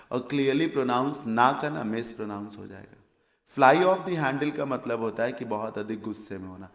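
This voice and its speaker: Gravelly Indian male English teacher. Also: mid-range voice, roomy sound. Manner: explains word meanings step by step, asks and answers his own questions. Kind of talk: exam vocabulary lesson.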